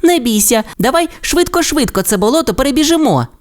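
A man doing an eager little dinosaur boy, squeaky and rushing. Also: big pitch swings. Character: excitable young male troodon dinosaur. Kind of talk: storybook voice acting.

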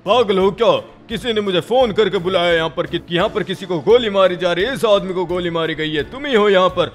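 A man voicing a stern, accusing police officer in a raised, high voice. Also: fairly quick, close to an everyday voice. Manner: loud, accusing.

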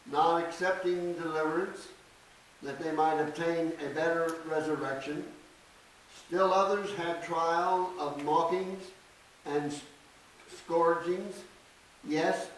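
Older male preacher, slow deliberate delivery, fairly high voice, echoey church picked up from afar. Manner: slow, deliberate scripture reading with emphatic stresses. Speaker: pastor. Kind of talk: sermon. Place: small church sanctuary. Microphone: podium mic from a distance. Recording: echoey church, distant mic, faint hiss.

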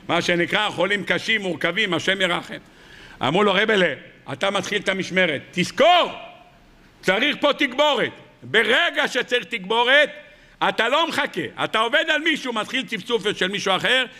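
A middle-aged rabbi preaching with a high, very bright and piercing voice. He tells stories dramatically, throws rhetorical questions at his listeners and now and then jumps sharply upward in pitch. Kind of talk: weekly Torah-portion sermon.

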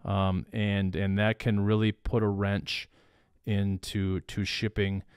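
Minnesotan guy hosting a work panel, lowish smooth voice, easygoing, asks the others stuff. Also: little pitch movement, slow, no echo, studio quality. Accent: northern Minnesotan. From northern Minnesota. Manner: easygoing, steers the talk with questions to colleagues. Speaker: logistics panel moderator. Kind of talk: casual panel discussion.

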